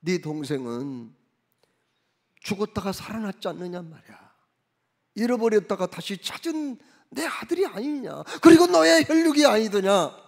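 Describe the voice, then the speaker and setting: A man's voice: high-pitched, very animated, moderate pace, gravelly, exaggerated voice. A preacher voicing a pleading, tearful father. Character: pleading, grieving father reasoning with his son. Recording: reverberant church hall.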